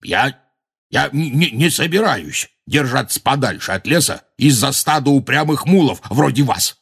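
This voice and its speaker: A man voicing a huge, stubborn gamekeeper in an audiobook, with a gruff, blustering way of talking. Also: fairly low pitch, expressive, moderate pace. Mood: defiant.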